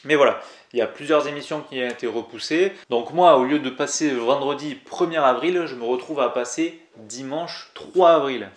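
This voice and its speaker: A man's voice: mid-range voice, echoey room. A man in his twenties with a southern French accent from Toulouse, chatting casually and in slang as he tells his viewers a story. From southern France. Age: 20s. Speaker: climbing YouTuber.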